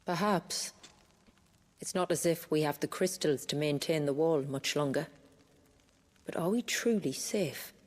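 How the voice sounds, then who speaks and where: An actress playing a proud, protective warrior chief in a video game, speaking in a solemn, deliberate way. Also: female voice, low voice, a little mellow. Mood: guarded, proud. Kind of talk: dramatic video game acting. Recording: long reverb, music behind.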